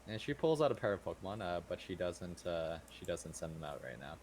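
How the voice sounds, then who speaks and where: A man's voice: deep voice, big pitch swings, brisk, a little mellow, slight background noise. A man narrating as game master of a tabletop game, talking loosely with many fillers.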